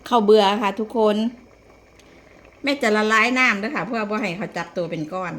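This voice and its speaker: A woman's voice: mid-range voice, brisk, a bit bright. Isan Thai woman in an echoey kitchen. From Isan, northeastern Thailand. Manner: folksy, chatty, with polite particles. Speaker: home cooking vlogger. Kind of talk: casual cooking demonstration, addressing viewers. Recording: echoey room, clear background noise, clattering pots.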